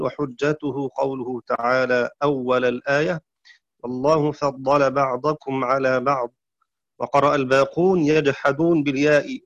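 A man teaching Quran recitation variants in a measured lecture, citing verses and clearing his throat now and then. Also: mid-range voice, no echo, muffled recording. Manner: measured explanatory delivery with chanted verse quotes.

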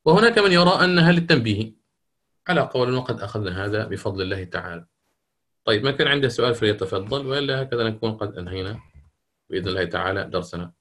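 A man's voice: lowish voice, lively intonation, rapid-fire, a bit bright. Man teaching Quran recitation rules. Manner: explanatory, often asks "okay?" and corrects himself. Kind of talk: online lesson with students.

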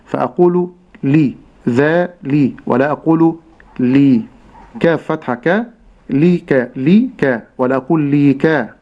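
A man teaching Quran recitation step by step, slowly drawing out each model pronunciation with patience. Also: a little high. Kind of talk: step-by-step tajweed instruction. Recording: dull lo-fi broadcast sound.

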